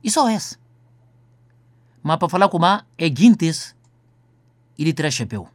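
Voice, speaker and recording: A man's voice: on the high side, sing-song, a little slow, no room sound. Rambling man on radio, dry sound.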